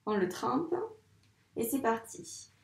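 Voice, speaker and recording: A young female primary school teacher teaches handwriting to young children in a fairly high, animated voice with vocal fry, speaking at a slow pace. She is patient, asking questions and then answering them herself, and the sound is reverberant.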